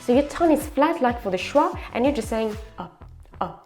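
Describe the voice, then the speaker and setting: A woman pronunciation teacher giving a slow, careful lesson. She says each word twice, then explains where to put the tongue and jaw. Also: on the high side, animated, a little mellow, faint music behind.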